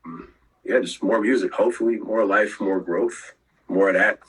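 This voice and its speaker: Husky, laid-back young rapper. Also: male voice, lowish voice, moderate pace, low-quality recording. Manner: relaxed, laid-back, with fillers. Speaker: rapper, podcast guest. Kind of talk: casual interview chat.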